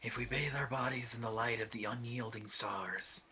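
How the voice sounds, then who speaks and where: A woman voicing a quiet, wistful, mysterious young girl in a video game, soft-spoken and measured. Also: extremely low pitch, steady tone, noisy background. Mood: calm, wistful.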